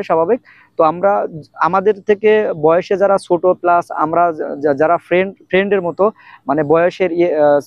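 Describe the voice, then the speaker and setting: Man, high voice, dry dull lo-fi sound, casual language lesson, repeats words, many fillers. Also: no room sound. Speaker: language teacher. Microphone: camera facing speaker.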